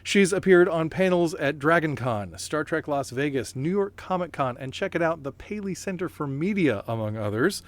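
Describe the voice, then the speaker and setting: A man's voice: a little high, animated, moderate pace, hardly any pauses, dry recording. A man hosting a podcast in a casual chatty way, full of fillers, restarts and playful asides. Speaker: podcast host.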